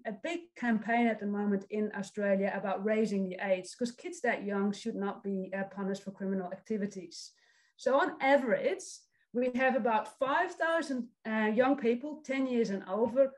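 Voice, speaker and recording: Her voice sits on the high side and is a little mellow. She's a Dutch lecturer in social work, in her forties, with a Dutch accent, warmly encouraging a youth summit through an online video presentation and reading out what the audience writes.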